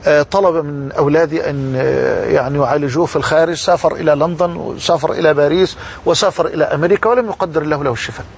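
A male preacher with an Egyptian Arabic accent delivers a sermon in a noticeably high voice. He tells his story with fervor and leans on repetition to drive each point home. A faint hiss sits under the recording. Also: very fast, gravelly. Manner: fervent, storytelling, repeats for emphasis.

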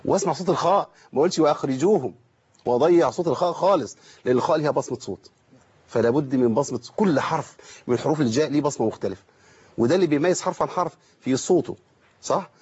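Husky Egyptian man teaching recitation. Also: fairly high pitch, expressive, darkish tone. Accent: Egyptian Arabic. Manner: patient, explanatory, slowly drawing out sounds to demonstrate. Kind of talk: correcting a student's recitation. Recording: dull lo-fi recording.

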